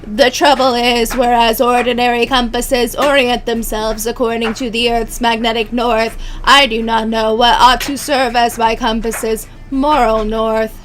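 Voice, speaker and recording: A woman's voice: on the high side, level tone, fairly bright tone, a little hiss or hum, rough recording. A woman voicing a prim, formal male robot student in a game playthrough, rubbing her throat so her voice warbles like a cyborg. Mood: earnest. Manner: stiff, formal, measured diction.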